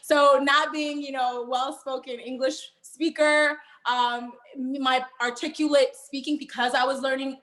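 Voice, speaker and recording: A young adult woman, born in Haiti and raised in Miami, is a performer appearing as a guest in a casual interview, talking animatedly and laughing often. Her voice is high and bright, with fairly even intonation and a measured pace with few pauses. The sound is roomy.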